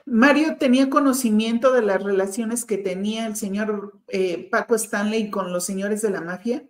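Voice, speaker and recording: A woman interviewer, asking measured, probing questions. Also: medium pitch, echoey room.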